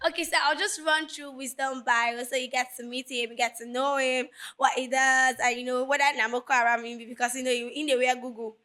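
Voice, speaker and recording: A woman's voice: high voice, fairly even intonation, brisk, hardly any pauses, sharp tone. A Nigerian woman hosting a casual interview chat, playful and laughing often. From Lagos, Nigeria. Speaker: podcast host.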